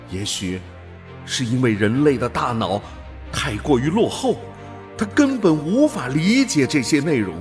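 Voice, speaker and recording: In a radio drama, a man with a slightly high voice plays an explorer who has become an alien creature, speaking with awestruck, fervent, halting and theatrical wonder.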